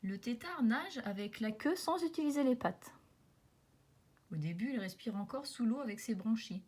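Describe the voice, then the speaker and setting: With a breathy edge to her fairly high voice, a woman reads a children's nature documentary book at a moderate pace. She tells it like a storyteller, giving dramatic emphasis to repeated words and sound words.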